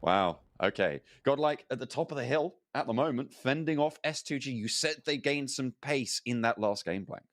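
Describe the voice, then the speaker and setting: A man's voice: mid-range voice, moderate pace, few pauses, no room sound, studio quality. Man giving musing esports color commentary. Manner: animated, musing, repeats words as he thinks.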